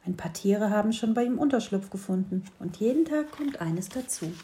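A woman's voice: medium pitch, expressive, moderate pace, mellow, slight background noise. Woman reading a children's story.

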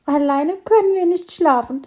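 A woman's voice: moderate pace, darkish tone, lightly acted. Woman doing a tiny sobbing ladybug. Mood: plaintive. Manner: whimpering, sobbing high squeak. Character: small freezing female ladybug, tearful and lost.

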